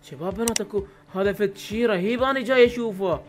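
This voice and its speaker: A young man with an Iraqi Arabic accent, giving excitable live commentary to his viewers while playing a game, with sudden loud exclamations. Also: high-pitched, fast talker, faint music behind. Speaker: gaming YouTuber.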